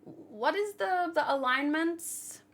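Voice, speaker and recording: She speaks slowly in a high, slightly bright voice. Her role is host of a manga read-along channel, and her casual commentary drifts along as she thinks aloud and questions herself often.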